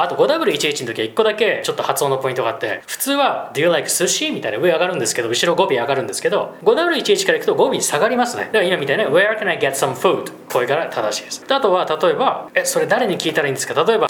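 A man who heads an English school gives a casual, animated lesson, talking quickly and then slowing for demo phrases. The sound is roomy and echoey. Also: on the high side. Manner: lively, drops into slow English demo phrases. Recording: roomy echo.

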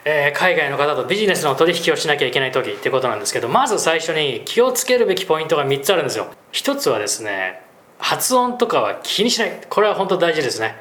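A man who runs an English school, chatting in a lively way as he explains business English and laughs often. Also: on the high side, racing, hardly any pauses. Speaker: English school principal, guest teacher. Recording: roomy echo.

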